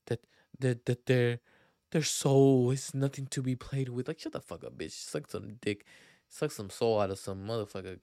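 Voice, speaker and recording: A man's voice: medium pitch, creaky, no echo, clean studio sound. A young man hosting a casual solo podcast, rambling in a crude, profane, slang-heavy way into a computer mic. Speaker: podcast host.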